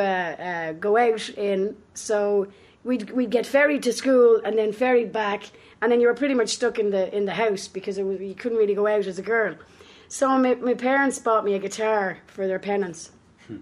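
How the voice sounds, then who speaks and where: A woman's voice: mid-range voice, a little mellow. An Irish woman with a big, brassy voice, telling anecdotes in a casual, jokey interview chat. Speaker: folk singer, interview guest.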